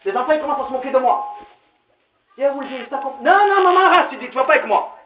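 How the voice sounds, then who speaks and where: A man's voice: extremely high pitch, animated, quick pace. A man voicing a resentful teenage boy who is ashamed of his mother and talks down to her with scorn. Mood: pleading, embarrassed. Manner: scornful, dismissive. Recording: roomy, distant, dull.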